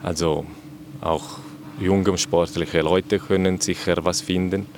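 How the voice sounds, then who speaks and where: Deep gravelly man, Italian accent. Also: level tone, a little mellow, slight background noise. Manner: halting, many fillers. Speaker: technical manager. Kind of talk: interview answers.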